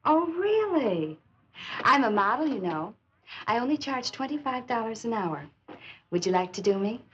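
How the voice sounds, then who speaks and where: A woman's voice: a little high, sing-song, normal speed, slight background noise. An actress playing a vain, haughty young beatnik woman and model, with sneering delivery in 1950s film style. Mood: showy. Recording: dull 1950s film soundtrack, music behind.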